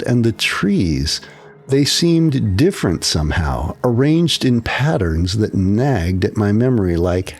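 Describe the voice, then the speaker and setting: A man narrating a horror story as scripted narration, in a slow, hushed and suspenseful way. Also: on the low side, husky.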